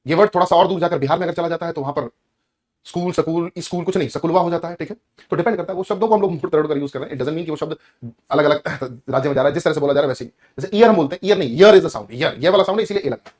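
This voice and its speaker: Male teacher, classroom lesson; fairly high voice, rapid delivery, keeps quizzing the class. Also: a little mellow. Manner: explains patiently, often asks the class questions. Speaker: English teacher.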